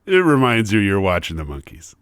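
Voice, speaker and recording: A man's voice: on the low side, huge pitch swings, fairly quick, dry recording. A man co-hosting a podcast, chatting casually and adding laid-back, dry quips. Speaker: podcast co-host. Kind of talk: casual chat.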